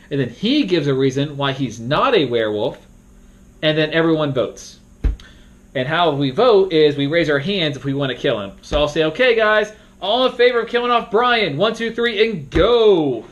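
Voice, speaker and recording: A young man casually walking through how to moderate a party game, rambling and now and then bursting into loud acted-out announcements. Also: fairly high pitch. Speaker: game moderator teaching a tutorial. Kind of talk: casual instructional talk.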